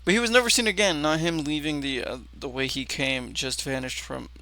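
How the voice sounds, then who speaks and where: There's no echo as a man speaks a little fast, hosting a casual reaction video where he reads aloud and comments. He frequently fumbles words, repeats phrases and swears, all over a loud background rumble that makes the clip clearly noisy.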